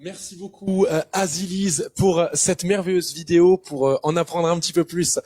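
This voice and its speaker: Man, upbeat club host, lightly raised pitch, dry close mic, halting delivery. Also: fairly even intonation, a little mellow, no room sound, soft background music. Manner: friendly, many hesitations. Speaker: co-host of a pre-match live. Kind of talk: live stream hosting.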